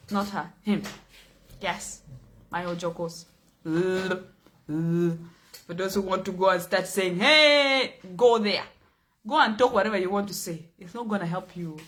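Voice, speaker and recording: A woman's voice: lowish voice, unhurried, fairly bright tone. A young Ugandan woman with a Ugandan accent hosting a casual livestream chat, playful and teasing, laughing often with her viewers. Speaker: livestream host.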